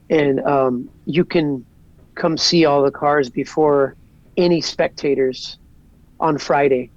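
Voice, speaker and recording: This podcast guest, a Southern Californian man in his forties, speaks in a fairly high voice and wanders through a relaxed conversation full of "like." There's no echo on the recording, but the highs are cut off.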